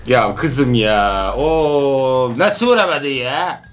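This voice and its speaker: A man giving excitable casual commentary while coaching his daughter through a video game. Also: mid-range voice, extremely slow. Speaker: parent playing with his daughter. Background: game music.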